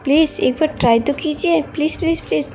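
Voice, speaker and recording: A woman's voice: high voice, quick pace, dark tone, natural voice. A woman voicing a cheerful, teasing young male student in a storybook reading. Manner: playful, chatty.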